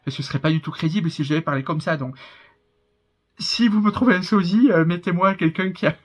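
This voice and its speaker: A man's voice: high voice, fast. A man in his twenties with a southern French accent, chatting casually and rambling in a reaction commentary, laughing often. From southern France. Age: 20s. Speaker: reaction YouTuber.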